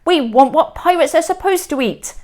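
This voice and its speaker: A woman's voice: high-pitched, expressive, normal speed, darkish tone, voice pushed up. A bossy pirate chief, as a woman reads him. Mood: indignant. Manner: barking orders, jeering. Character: gruff male pirate chief, bossy and demanding.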